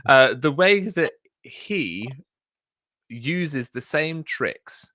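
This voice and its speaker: A man's voice: mid-range voice, sing-song, very slow, bright, forceful tone, no room sound, studio quality. A man hosting a casual discussion, talking in a thoughtful, analytical way with frequent fillers. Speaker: podcast host.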